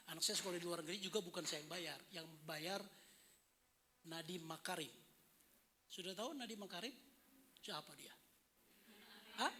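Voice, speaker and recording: A man in his fifties preaches to his congregation with a high, bright voice. He keeps it chatty and full of jokes, turning to the listeners again and again, with a faint hum of the room behind him. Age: 50s. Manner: chatty, joking, addresses the congregation often. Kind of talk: sermon. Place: indoor service hall.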